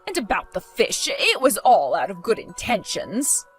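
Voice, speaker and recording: A woman's voice: mid-range voice, very animated, moderate pace, soft background music, lightly acted. A woman voicing a spiteful older mother-in-law in a dramatized story, protesting indignantly.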